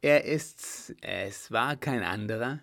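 A man reading aloud and voicing a calm, watchful gentleman posing as a doctor, with measured, composed questions. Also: lowish voice, creaky, exaggerated voice.

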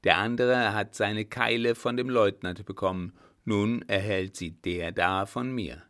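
Gruff old field marshal, read by a man, loud, curt, scornful, low gravelly voice, audiobook. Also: unhurried. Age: older. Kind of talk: audiobook dialogue reading.

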